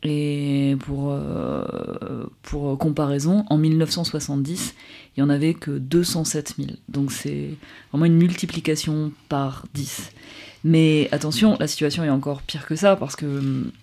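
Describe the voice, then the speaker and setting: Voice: medium pitch, unhurried, gravelly, mellow. A radio co-host in the studio who asks questions and explains. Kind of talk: radio talk segment.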